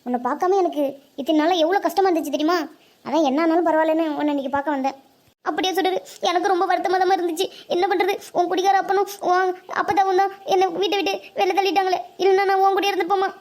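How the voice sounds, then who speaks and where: High, quick cartoon granny, fussy and fond, a village elder voiced by a performer. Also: steady tone, darkish tone. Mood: grieving. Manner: scolding and fond. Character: fussy older village grandmother. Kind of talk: cartoon voice acting.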